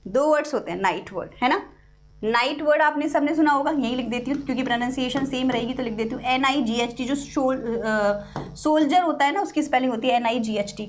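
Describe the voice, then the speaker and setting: A high-pitched woman with an Indian English accent teaches an online grammar class. She explains step by step, repeats key words back to her pupils and calls them kids. Faint music runs under her voice.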